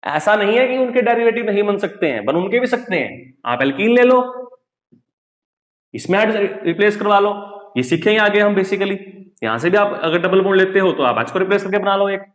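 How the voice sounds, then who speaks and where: A young man teaching a chemistry lesson in a lively classroom style. He asks rhetorical questions, repeats key points, and mimics his students in a lower voice. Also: brisk. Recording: echoey room.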